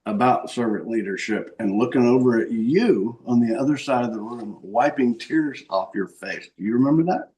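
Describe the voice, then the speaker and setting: A man's voice: mid-range voice, normal speed, a little mellow, recorded from a distance, poor audio. Male podcast co-host, emphatic and enthusiastic, mic set back a little. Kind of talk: casual conversational chat.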